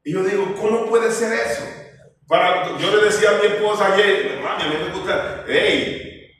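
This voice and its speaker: A man's voice: high voice, moderate pace, a bit bright. A man preaching an informal sermon, rambling through personal stories with restarts and acted-out dialogue. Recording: echoey hall, far from the mic.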